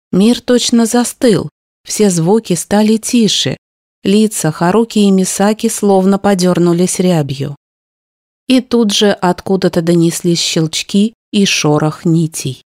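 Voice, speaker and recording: A woman reading a first-person story aloud in a steady, even narration style. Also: on the low side, a little slow, no echo, clean studio sound. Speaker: audiobook narrator.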